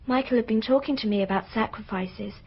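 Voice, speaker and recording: Speaking fairly quickly, a young girl confides innocently in a radio drama, where she plays a witness. Her voice is high and breathy, and she sounds earnest yet hesitant, like she's sharing a secret, over dull, muffled audio.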